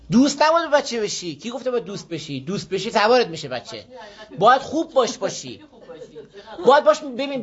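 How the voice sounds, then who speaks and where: High-voiced man telling moral stories. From Iran. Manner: storytelling, often checks listeners follow with quick questions. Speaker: speaker advising a group on parenting. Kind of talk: informal moral talk with stories. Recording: dull lo-fi recording.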